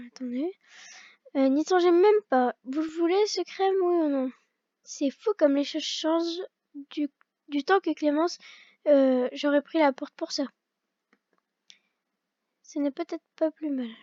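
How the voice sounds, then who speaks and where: A young woman, a fan voicing a visual novel, reads its dialogue aloud and often stumbles and restarts lines. Her voice sits high and is a little mellow, recorded dry through an old gaming headset that gives a dull, lo-fi sound.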